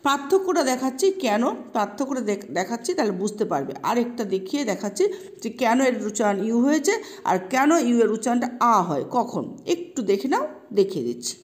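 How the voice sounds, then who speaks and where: A woman's voice: on the high side, sing-song, quick pace. A woman teacher explaining English grammar patiently, repeating points and asking checking questions. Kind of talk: classroom explanation.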